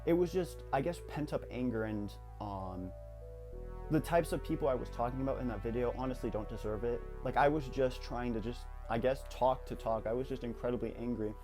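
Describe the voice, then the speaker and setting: Talking a little fast in a medium-pitched voice with music behind him, a teenage YouTuber shares honest reflections in a personal vlog, drifting a bit and restarting lines.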